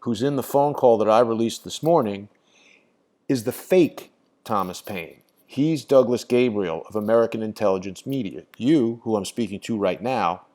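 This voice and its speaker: Hosting a casual phone conversation, a man talks insistently and keeps repeating his points. His voice is lowish and a little mellow, at a moderate pace.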